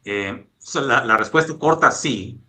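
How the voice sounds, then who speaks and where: A man from Mexico in his fifties, a guest executive speaking in a measured, thoughtful interview style with frequent fillers and restarts. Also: mid-range voice, lively intonation, pushed and bright. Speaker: guest, oil and gas executive. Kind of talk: relaxed interview conversation.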